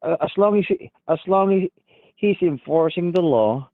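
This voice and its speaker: A man in his fifties calling in to a stream, speaking hesitantly with lots of pauses and filler sounds. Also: on the high side, animated. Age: 50s. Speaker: caller. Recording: tinny phone line.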